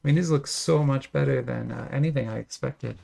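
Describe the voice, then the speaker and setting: A man's voice: medium pitch, a little fast, gravelly, warm tone. A man casually talking through opening trading card packs, enthusiastic and chatty with lots of fillers and little laughs. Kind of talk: casual unboxing commentary.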